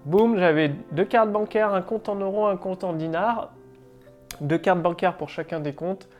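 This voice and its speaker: A man's voice: high voice, moderate pace, dull audio, faint music behind. A man from France giving a casual, chatty monologue to camera as an entrepreneur vlogger, talking in an informal, punchy way. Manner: chatty and informal, punctuated with "bah" and "boum".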